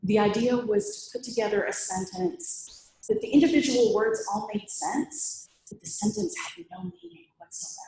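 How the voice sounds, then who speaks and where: A conference speaker with a medium-pitched voice talks at normal speed through a lively meetup presentation and Q&A, chatty and quick to joke at her own expense. The room is echoey.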